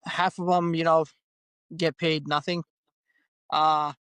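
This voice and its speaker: A man's voice: a little high, level tone, takes it slowly, fairly bright tone, clear, resonant tone, dry recording. A man being interviewed as a bare knuckle fighter, talking in an easygoing way and laughing often. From Canada. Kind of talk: casual interview.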